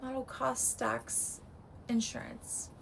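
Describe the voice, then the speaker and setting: A woman delivers a real estate breakdown in short, clipped fragments at an unhurried, deliberate pace. Her voice sits fairly high and sounds strained, as if it is giving out, with faint noise in the background. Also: little pitch movement, creaky, fairly bright tone, rough recording. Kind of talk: scripted market breakdown.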